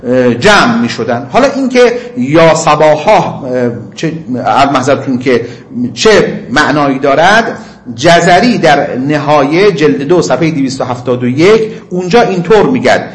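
A man giving a seminary lecture, reading Arabic passages slowly and then explaining them in casual, conversational speech. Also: a little high, expressive, roomy sound. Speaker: religious teacher.

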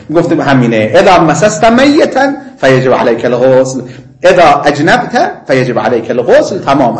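A middle-aged man teaching a class on Islamic law. He repeats his points, asks whether students follow, slips in Arabic legal phrases and chats with them. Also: a little high. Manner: mixes in Arabic legal phrases, chatty asides and laughter. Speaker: seminary teacher. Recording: roomy classroom echo.

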